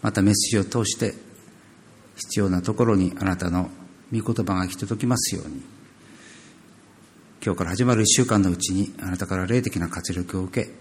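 A man's voice: deep voice, normal speed, pauses often, slight background noise. A man reading scripture and then leading a prayer in a solemn, earnest manner.

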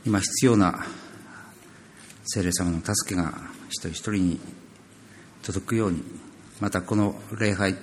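Deep-voiced man leading solemn prayer. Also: steady tone, slow, long pauses, slight background noise. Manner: solemn, earnest. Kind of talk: scripture reading and prayer.

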